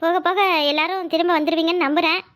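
A woman's voice: very high voice, fairly even intonation, fast talker, fairly bright tone. A woman with a Kanyakumari Tamil accent, a cartoon channel creator chatting directly to viewers. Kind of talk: channel outro chat.

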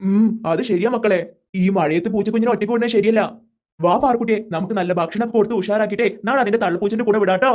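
A man voicing a gentle, easygoing cartoon father who reassures his children. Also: high-pitched, rapid-fire, close to an everyday voice.

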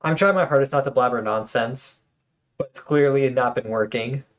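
A man's voice: medium pitch, moderate pace. A man hosting his own channel and commenting casually on tournament replays, chatty and joking, with lots of fillers and restarts.

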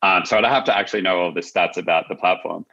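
Interviewed over video call, a young adult marketing agency founder with an Australian accent talks casually and reflectively in a deep, bright, forceful voice. He speaks quickly, with vocal fry, from a small indoor office. No headset is seen, and the audio is slightly dull.

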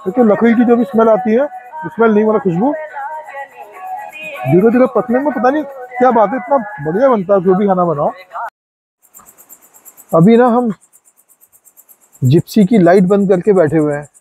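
A man's voice: high-pitched, moderate pace, pauses often, music in the background, low-quality recording. Chatty man vlogging at a forest camp. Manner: relaxed, chatty, talks to viewers and friends. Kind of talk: casual camping vlog narration. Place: outdoors at a riverside forest campsite. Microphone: phone camera held close.

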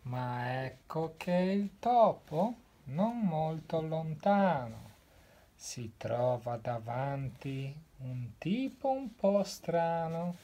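Slow, expressive woman reading a storybook. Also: sits low. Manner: slow, expressive read-aloud. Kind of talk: reading a rhyming picture book aloud.

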